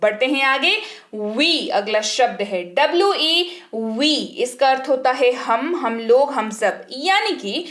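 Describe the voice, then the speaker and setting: Female teacher, high voice, slow careful delivery, echoey room, spells each word out. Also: expressive, a bit bright. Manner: slow, clear classroom explanation with spelled-out words. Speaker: English teacher. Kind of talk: spoken English lesson.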